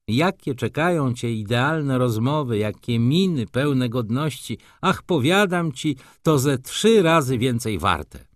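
A man's voice: medium pitch, dry recording, studio quality, lightly acted. A man voicing a cynical middle-aged doctor who teases his friends in a sardonic, expansive way, in an audiobook.

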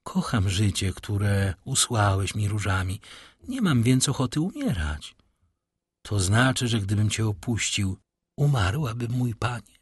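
A man voicing a tender, devoted young woman in a read-aloud novel, soft and pleading. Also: fairly low pitch, lively intonation, a little slow, slightly rough, no room sound, studio quality. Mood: loving.

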